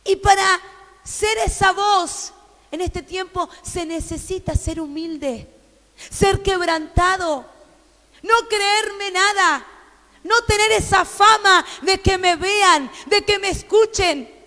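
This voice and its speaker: A woman pastor with an Argentine accent preaching a sermon, fervent and repetitive, building to shouted proclamations. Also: very high voice, takes it slowly, in a large hall. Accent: Argentine Spanish.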